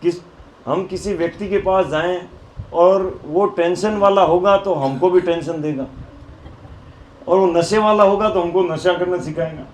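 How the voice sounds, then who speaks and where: Man preacher, high voice, animated storytelling, lots of laughs, echoey hall. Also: a little slow. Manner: animated, laughing often while telling stories. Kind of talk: devotional storytelling sermon. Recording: echoey hall with faint noise.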